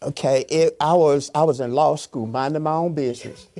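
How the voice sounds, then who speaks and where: A fairly high, dark-toned voice with fairly even intonation moves at normal speed. It belongs to an older pastor speaking off the cuff as a panelist in a motivational discussion, driving points home through short, repeated, sermon-like phrases.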